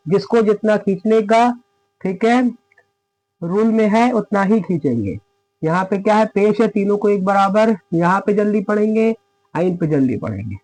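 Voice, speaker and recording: A man's voice: high voice, darkish tone, dry recording, poor audio. A man giving a spoken lesson on Quran reading, explaining each rule step by step and checking in with his listeners. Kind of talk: spoken lesson with recited examples.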